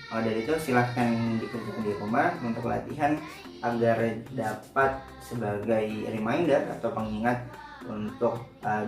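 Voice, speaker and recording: A male Quran reading teacher giving a recorded lesson, explaining step by step with patience and often correcting himself mid-sentence. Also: on the low side. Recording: roomy echo, distant from the mic, faint music.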